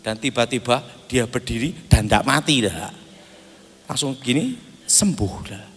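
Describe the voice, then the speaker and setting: A man's voice: mid-range voice, measured pace. A man preaching a sermon, telling a personal testimony and acting out the dialogue with frequent laughter. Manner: animated storyteller, acts out dialogue, laughs often. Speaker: pastor. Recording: echoey hall with faint music.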